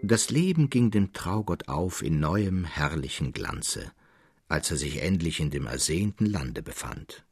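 A man narrating a classic story in an expressive reading, in a studio. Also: very deep voice, measured pace, soft background music.

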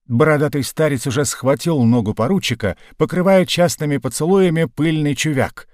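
A man reading a novel aloud as narrator, in a measured storytelling way. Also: a little high, dry recording, studio quality. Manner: measured storytelling read, lively in action. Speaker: audiobook narrator. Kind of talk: scripted narration.

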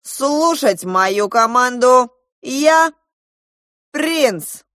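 A woman voicing a calm, authoritative young male prince in a storybook reading. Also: medium pitch, takes it slowly, no room sound, studio quality. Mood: commanding. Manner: composed, authoritative. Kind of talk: audiobook character voice.

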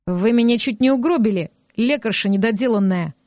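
A woman giving voice to an irritable young man in an audiobook, curt and scornful, every line snapped out. The voice sits fairly high and sounds dry and close. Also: lively intonation, normal speed, a little mellow, no echo, natural voice. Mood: gruff. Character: gruff rude young man, irritable and sharp-tongued.

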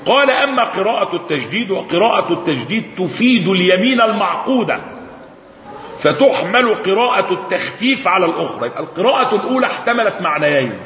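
A man's voice: high voice, very animated, fast, fairly bright tone. A man with an Egyptian accent teaching Islamic jurisprudence in a classroom lecture, reading out quoted sources and explaining them step by step. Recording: echoey hall with faint noise.

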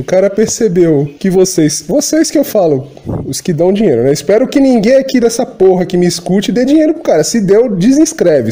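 A Brazilian man rants at his listeners as a channel host, cursing freely. His voice sits high and leaps around in pitch. It has a thin, bright, sharp edge. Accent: Brazilian Portuguese. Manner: profane, agitated rant. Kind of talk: ranting monologue.

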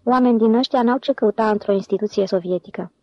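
A man's voice: high-pitched, a little mellow, dry recording, lo-fi sound. A woman reading a sly gossiping clerk. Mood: gossipy. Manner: eager, confiding.

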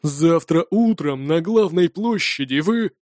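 A man's voice: on the high side, lively intonation, unhurried, darkish tone, dry recording, clean studio sound. A man voicing a stern male viking elder who speaks in a commanding, formal way in an audiobook.

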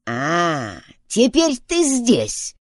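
A woman voicing a grumpy, hostile old woman who scolds slowly and loudly in a storybook. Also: medium pitch, huge pitch swings, slightly rough, no echo, studio quality, full character voice. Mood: scolding. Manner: slow, loud, scolding.

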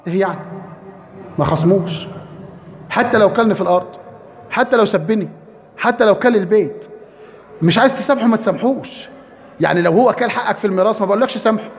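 High-pitched, quick Egyptian preacher. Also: male voice, in a large hall. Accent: Egyptian Arabic. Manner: emphatic, repeats points, asks the audience rhetorical questions. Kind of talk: sermon.

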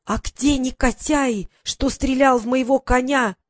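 A woman voicing a strong foreign man in uniform who speaks slowly and formally in broken Russian, in a storybook reading. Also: high voice, fairly even intonation, no room sound, clean studio sound, pitched above the performer's own voice. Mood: wary. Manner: slow, emphatic, formal.

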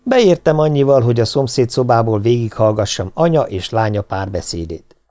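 A man's voice: mid-range voice, expressive, warm tone. A man narrating an audiobook with a wry, ironic storytelling manner. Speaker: audiobook reader. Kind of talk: scripted narration.

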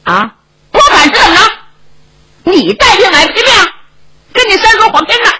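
A woman voicing a hearty old male hero who talks briskly, bantering and commanding. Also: very high-pitched, sing-song, noisy background, voice pushed up. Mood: scolding.

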